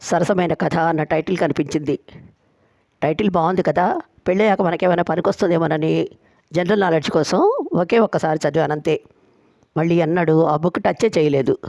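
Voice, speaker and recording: A woman's voice: sits low, fairly quick, vocal fry, pauses often, darkish tone, dry recording. A woman storyteller voicing a boastful, playful young man who agrees to every condition.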